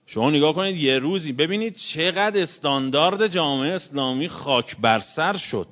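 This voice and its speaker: A male cleric giving a sermon, telling religious stories and swinging between loud exclamations and hushed asides. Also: fairly high pitch, animated, muffled recording. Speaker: cleric preacher.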